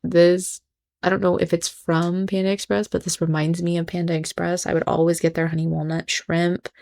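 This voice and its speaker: Woman w a low gravelly voice, snarky blunt reaction commentary. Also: little pitch movement, normal speed, darkish tone. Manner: blunt, sarcastic and judgmental. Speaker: host.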